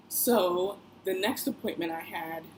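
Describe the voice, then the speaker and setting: A woman's voice: mid-range voice, darkish tone, poor audio. A young woman vlogging in a chatty, rambling way, full of fillers and side remarks. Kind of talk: casual personal vlog. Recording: faint background noise.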